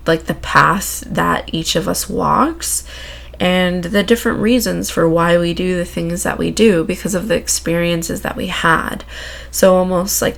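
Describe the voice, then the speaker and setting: Slow, gravelly-voiced woman reading oracle cards. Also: lowish voice. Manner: gentle, reflective, many filler words. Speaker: oracle card reader. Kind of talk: spiritual card reading. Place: home room with windows open.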